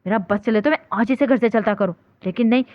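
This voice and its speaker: A woman's voice: fairly high pitch, no echo, lo-fi sound, natural voice. A woman voicing an angry older uncle who rants bitterly and contemptuously in an audiobook story. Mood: ranting, bitter. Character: angry older man, the household's scolding uncle.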